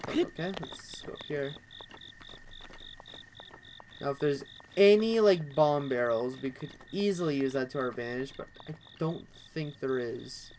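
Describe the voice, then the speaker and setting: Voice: mid-range voice, lively intonation, unhurried, darkish tone, slight background noise, rough recording. A let's play host giving casual, rambling commentary over gameplay, with constant fillers like "actually" and "kind of".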